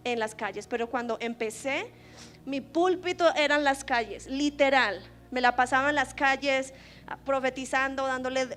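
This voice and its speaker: A woman preaching a sermon, moving between loud fervent exhortation and hushed personal storytelling. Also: high-pitched. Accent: Latin American Spanish.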